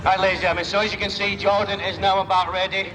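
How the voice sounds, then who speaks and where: High pitched bloke on the mic at an outdoor stunt show, jokey, crowd and engine noise behind. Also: male voice, little pitch movement, very fast, in a large hall. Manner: informal, jokey patter with hype calls. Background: crowd, vehicles and outdoor noise.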